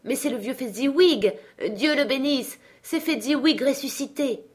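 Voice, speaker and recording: Old miser, emotional, exclaiming, husky and raised in pitch, as a woman reader voices him. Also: a little slow, darkish tone. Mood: excited.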